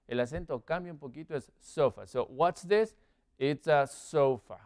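A man teaching English vocabulary, quizzing viewers with multiple-choice options and drawing out the English words slowly for pronunciation. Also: a little high, darkish tone. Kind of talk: English vocabulary lesson in Spanish.

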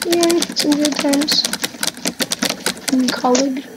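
A woman's voice: high voice, fairly even intonation, extremely slow, very noisy. A woman hosting a gaming channel, giving casual let's-play commentary and reading chat lines aloud in playful voices. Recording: music playing behind the voice.

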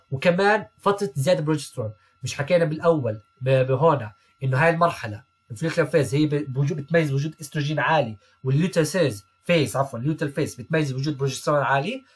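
A man's voice: on the high side, slightly rough. A young man tutoring veterinary students over slides, repeating key terms and checking in often. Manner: mixes English medical terms into Arabic. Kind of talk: recorded lecture over slides.

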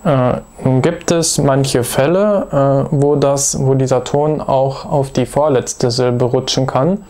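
A man giving a patient, methodical video lesson, pausing often with hesitation fillers as he explains grammar. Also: mid-range voice, steady tone, dark tone. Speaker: language teacher.

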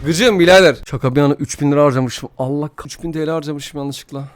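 A young man giving excited gameplay commentary while opening player packs, pleading and grumbling in frustration by turns. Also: on the high side, fast talker, faint music behind. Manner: swings from pleading to loud frustration.

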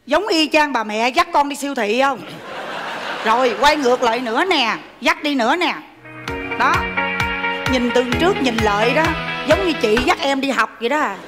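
A woman's voice: sits high, animated, moderate pace, in a large hall, music in the background. A woman with a Southern Vietnamese accent playing a grown daughter begging her father to let her marry, teasing and wheedling in a stage comedy sketch.

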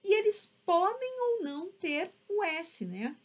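A woman's voice: very high voice, sing-song, slow. A Brazilian woman teaching an online class, upbeat, checking in with her students often. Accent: Brazilian Portuguese.

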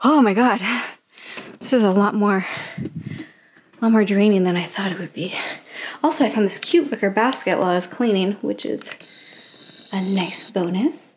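Young canadian woman vlogging her closet cleanout, chatty, lots of ums, normal mid pitch. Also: normal speed, long pauses, darkish tone, a little hiss or hum. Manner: chatty, with frequent ums and little laughs. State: out of breath. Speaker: lifestyle vlogger. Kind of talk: casual vlog narration. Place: home closet and bedroom.

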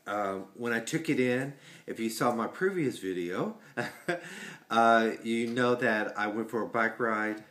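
A man's voice: medium pitch, fairly bright tone. A man, chatting casually to a webcam in his living room, rambling with many fillers and restarts. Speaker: vlogger. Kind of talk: casual chat. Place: home living room, indoors. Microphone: webcam at desk.

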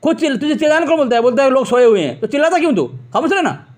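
A man's voice: very high voice, expressive, racing, a little mellow. A man arguing on a phone debate, combative, mocking and repeating himself to interrupt. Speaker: debate host on phone call. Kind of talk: heated religious phone debate.

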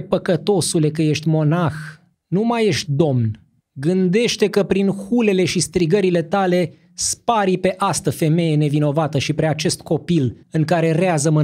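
Stern old churchman read by a man for an audiobook: slow, solemn and raised, with a dark husky tone. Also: on the high side, pitched above the performer's own voice, close to an everyday voice. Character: stern old male metropolitan bishop rebuking.

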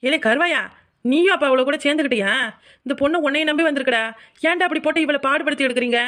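A woman voicing a sharp-tongued, meddling village neighbor in a Tamil cartoon, with a southern Tamil accent and a taunting, scolding manner. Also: high-pitched, quick pace. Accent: southern Tamil Nadu. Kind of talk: cartoon voice acting.

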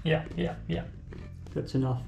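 Cooking in his little home kitchen for a casual vlog, a young German-accented man from a German-speaking country cracks jokes to himself as he works. His voice is fairly high and mellow, unhurried and fairly even, with vocal fry. The sound is lo-fi, with kitchen echo and faint music.

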